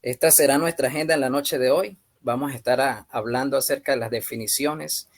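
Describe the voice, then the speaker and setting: A man in his thirties from Venezuela with a Venezuelan Spanish accent, leading a youth-ministry class over a video call and speaking at a measured pace with frequent hesitant fillers. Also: medium pitch, steady tone. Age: 30s. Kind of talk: online class presentation.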